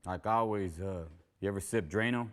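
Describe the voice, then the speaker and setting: Brief: man as a worn-out divorced dad, deep voice, reluctant and dodging. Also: moderate pace, natural voice. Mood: weary. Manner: reluctant, sighing, deflecting. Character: weary divorced male coworker, dad. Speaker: actor in training skit. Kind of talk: training video role-play.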